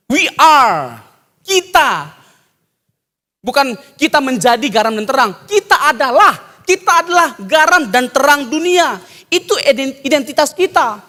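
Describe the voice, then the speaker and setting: A man preaching a sermon, animated, jumping from loud exclamations to soft asides and mimicking people for laughs. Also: extremely high pitch. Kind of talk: sermon with jokes. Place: church hall. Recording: long church hall reverb.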